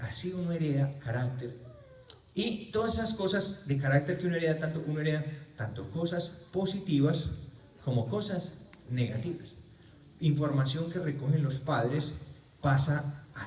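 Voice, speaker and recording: A man with a warm, mid-range voice preaches at a healing retreat, weaving humor into personal stories and hammering key words through repetition. It was recorded from a distance in a roomy parish church.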